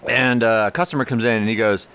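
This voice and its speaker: A man with a lilt tells a story in a relaxed podcast chat. His voice sits in the middle range and leaps up when he gets worked up. A faint noise floor runs underneath. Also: quick pace. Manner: animated, jumps high when acting out the story. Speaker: podcast co-host, brewery owner.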